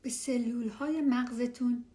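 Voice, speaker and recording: Soft-spoken woman guiding a relaxation meditation. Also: fairly high pitch, fairly even intonation. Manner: unhurried, with long pauses between phrases. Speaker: meditation guide. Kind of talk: guided relaxation meditation, instructing listeners directly.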